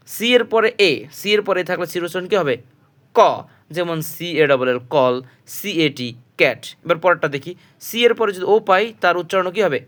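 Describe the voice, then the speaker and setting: Bangla english tutor guy, slightly high voice, asks then answers himself over and over. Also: fairly bright tone. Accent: Bangladeshi Bengali. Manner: patient, repetitive, poses questions then answers them. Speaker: English teacher. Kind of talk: spoken English pronunciation lesson.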